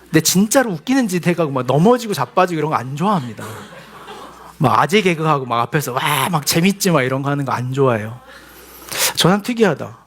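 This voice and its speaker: Lively conversational male pastor preaching. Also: a little high, quick pace, husky. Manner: conversational and humorous, acts out quoted voices. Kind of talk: sermon.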